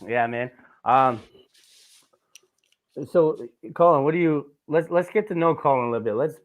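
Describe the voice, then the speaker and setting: A man's voice: fairly high pitch, moderate pace, phone-quality sound. Crude, teasing podcast host man. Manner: crude, loud teasing with frequent laughter. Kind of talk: casual comedic podcast chat.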